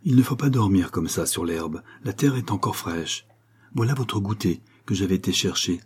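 Kind old nursemaid, read by a man, gentle, matter-of-fact, low dark husky voice. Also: animated, moderate pace, heavily acted. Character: kind, plain-spoken old nurse woman.

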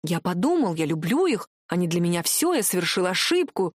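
A woman's voice: on the low side, very animated, brisk, slightly rough, no echo, studio quality, voice pushed down. A woman reading aloud, voicing a flustered middle-aged male professor who defends himself and protests. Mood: defensive. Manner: protesting, pleading, whiny.

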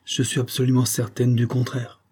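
A man's voice: mid-range voice, completely flat delivery, moderate pace, dark tone, husky, voice pushed up, lightly acted. Man voicing a frightened young woman. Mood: certain. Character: young woman returned from death, frightened and bewildered.

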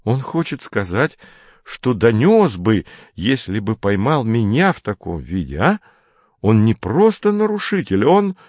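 A man's voice: on the low side, sing-song, measured pace, a little mellow, dry recording, lo-fi sound. A man reading aloud, voicing a serious, stern teenage boy who leads the group. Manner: stern, grave.

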